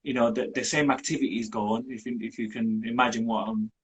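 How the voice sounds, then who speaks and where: Man, from Colombia, husky, hesitant, casual interview. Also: mid-range voice, steady tone, low-quality recording. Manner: halting, many fillers and restarts. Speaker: community group founder.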